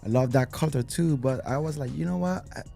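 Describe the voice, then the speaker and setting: A man's voice: mid-range voice, fairly quick, gravelly, dark tone, faint music behind. A man, a guest telling his story in a loose, rambling way full of fillers and restarts. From Spain. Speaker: guest, DJ and violinist. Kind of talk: casual interview chat.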